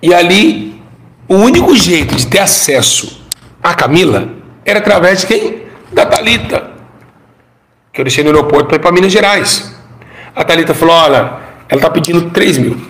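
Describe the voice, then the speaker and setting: Animated and fairly bright, a middle-aged Brazilian ex-pastor shares an emotional testimony in a fairly high voice at normal speed, leaving long pauses. He dramatizes the story, repeats phrases, and has listeners say them back.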